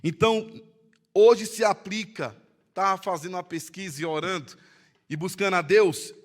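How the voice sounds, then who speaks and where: A man with a Brazilian Portuguese accent, a pastor preaching a sermon in church, swinging between loud emphatic lines and hushed storytelling. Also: high voice, normal speed. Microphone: live-streamed church service mic.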